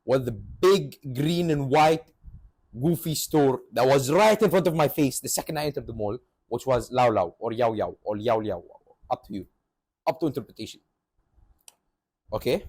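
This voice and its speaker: A man's voice: mid-range voice, animated, moderate pace, a little mellow, breathy edge. A young man telling a comic story on his vlog, sarcastic and exaggerated, at times rising to mock outrage. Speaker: vlogger. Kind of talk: comedic storytelling.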